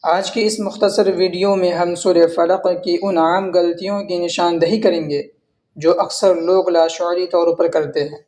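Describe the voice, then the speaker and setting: A man gives a tajweed lesson in a raised, fairly high voice. He lays out each pronunciation rule carefully, repeating points so students can follow. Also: level tone, a little mellow. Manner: patient, explanatory, repeats rules step by step. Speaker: Quran recitation teacher. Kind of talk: tajweed lesson with slow recitation.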